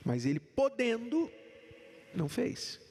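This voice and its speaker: A man's voice: very high voice, big pitch swings, takes it slowly, creaky, darkish tone, breathy edge. A man giving a church-style talk about relationships, explaining with a live demonstration. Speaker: speaker at a couples' talk. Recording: long hall reverb.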